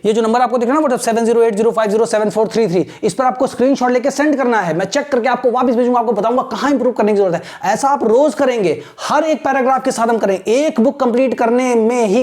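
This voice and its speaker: Indian guy running an english lesson, reads lines super slow, repeats stuff, switches to fast explaining, pep-talk vibe. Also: extremely high pitch, a little mellow. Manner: reads English slowly and repeats phrases, then explains in quick Hindi; keeps asking "right?" to check on students. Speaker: English teacher for exam students. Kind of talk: bilingual exam-prep lesson.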